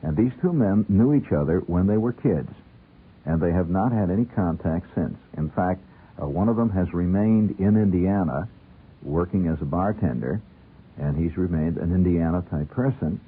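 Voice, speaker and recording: A middle-aged American man with a low, slightly rough voice hosts a radio show, telling a humorous story at a moderate pace. His manner is wry and theatrical, savoring ornate wording, and the audio is a muffled, narrow-band old radio broadcast.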